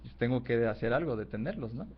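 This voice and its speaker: A man's voice: medium pitch, animated, fast, breathy edge. A man voicing a wise lion in a fable, asking questions steadily and patiently, on a slightly muffled recording. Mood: calm. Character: calm wise lion protecting the animals.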